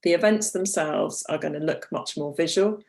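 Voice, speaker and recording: A woman with a low-pitched, slightly mellow voice presents a product webinar online, sounding a little croaky from a cold. She talks through the details at an easy pace over a video call mic, filling gaps with ums and the occasional throat clear.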